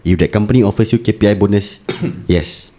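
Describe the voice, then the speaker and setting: Very deep, mellow Singaporean man speaking Singlish. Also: fairly quick. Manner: emphatic, repeats words and phrases. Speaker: podcast panellist. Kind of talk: casual podcast chat in colloquial Singlish.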